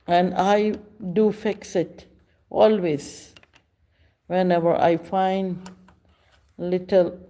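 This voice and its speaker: A woman hosts a casual livestream chat. She speaks very slowly, pausing often between short phrases. Her voice sits at an ordinary middle pitch. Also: warm tone. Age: 50s. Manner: slow, halting speech with frequent pauses. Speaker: livestream host. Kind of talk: casual live chat with viewers.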